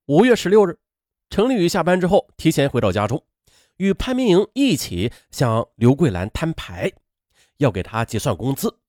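A man's voice: fairly high pitch, dry recording. Guy telling a story, voice jumps around a lot, dry close sound. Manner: lively, colloquial, with drawn-out interjections. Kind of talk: spoken story narration.

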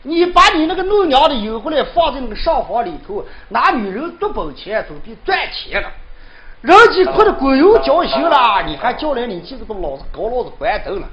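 A storyteller voicing a gruff, bossy old man who scolds and bargains, with a Northern Shaanxi accent, in traditional storytelling style. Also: medium pitch, very animated, brisk, crowd noise, close to an everyday voice. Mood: scolding, bargaining. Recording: dull lo-fi recording with loud string accompaniment.

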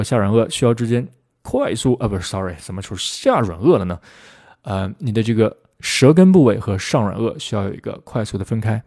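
Gravelly, relaxed male English teacher. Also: fairly low pitch, dry recording, studio quality. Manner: relaxed, chatty, rambling. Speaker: English teacher, podcast host. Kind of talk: casual lesson explaining English pronunciation.

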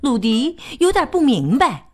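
Slow, high-voiced woman storyteller. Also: music in the background. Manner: slow, expressive and sing-song. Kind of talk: children's picture-book read-aloud.

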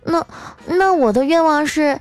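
A woman voicing a blunt, naive little boy with a high, whiny child voice. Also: a little slow. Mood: cheeky. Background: faint background music.

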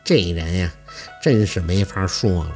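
A man's voice: low voice, unhurried, a little mellow, soft background music, voice pushed down. Chiding, as a man puts her on an old village woman. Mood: scolding. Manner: chiding, admonishing. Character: scolding elderly village woman.

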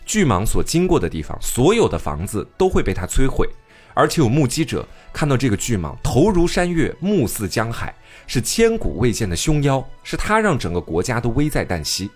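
A man's voice: mid-range voice, huge pitch swings, soft background music. A man voicing a despairing king who weeps over his doomed country in a folk tale. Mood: mournful. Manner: slow, mournful. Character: despairing old king, tearful.

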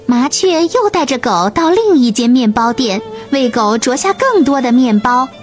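Woman storyteller, high pitch, expressive children's narration over faint music. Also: moderate pace. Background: soft music.

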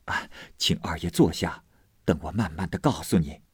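A man's voice: low-pitched, normal speed, darkish tone, slightly rough, dry recording, studio quality. A man reading aloud voices a distressed aging mother who talks in an agitated, anxious way. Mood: weary.

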